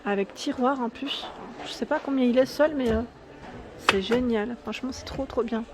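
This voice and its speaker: A woman's voice: on the high side, moderate pace, a crowd in the background. A woman giving an enthusiastic, chatty walkthrough vlog in a furniture store showroom, often tagging "hein" and correcting herself. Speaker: YouTube vlogger.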